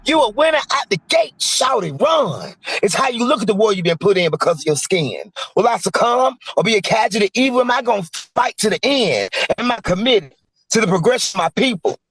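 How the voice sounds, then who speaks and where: A man performing a rhythmic spoken word poem in a half-sung delivery, with a husky voice. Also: sits high, expressive, a little fast, a bit bright, dry recording.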